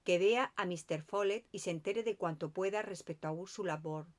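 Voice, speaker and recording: A woman's voice: lowish voice, moderate pace, lightly acted. A woman reading the lines of a meticulous Belgian male detective in an audiobook, with precise, insistent questioning. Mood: earnest.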